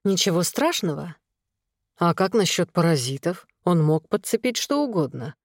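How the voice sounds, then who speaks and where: A woman reading aloud, voicing a puzzled, irritated husband with a flat, skeptical delivery. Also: on the low side, normal speed, no echo, clean studio sound. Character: puzzled, irritated young father.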